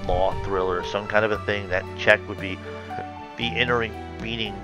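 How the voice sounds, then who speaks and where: A man reading fan fiction aloud and stopping often to comment, thoughtful and halting with many fillers and self-corrections. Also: lowish voice, steady tone, music in the background, rough recording. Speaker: reader and reviewer of fan fiction.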